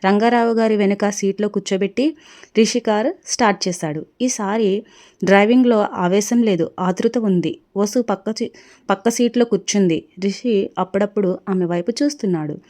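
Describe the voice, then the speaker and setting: A woman's voice: medium pitch, moderate pace, mellow. A woman narrating a family story aloud, reading it with feeling and speaking the characters' lines herself. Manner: emotional, voices the characters' dialogue herself.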